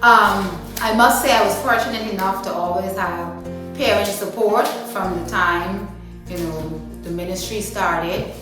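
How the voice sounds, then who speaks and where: A woman's voice: mid-range voice, measured pace. A woman from Guyana, answering interview questions about her dance ministry in a chatty way, with many "you know" fillers. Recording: echoey room, mic at a distance, music underneath.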